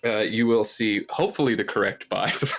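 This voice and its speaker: A man's voice: fairly low pitch, moderate pace, creaky, fairly bright tone, faint music behind. A tired man doing live speedrun commentary, rambling, giggling and tripping over his words.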